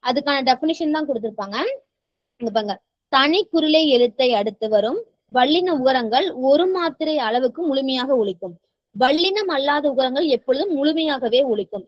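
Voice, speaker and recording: A woman with a high-pitched voice teaches grammar in a steady classroom manner. She keeps checking in with her students as she explains. The recording is dry and a little dull, as if made close to the mic in a small quiet room. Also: no echo. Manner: checks in constantly with "okay-ngala?", mixes in English words. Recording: dull, slightly muffled sound.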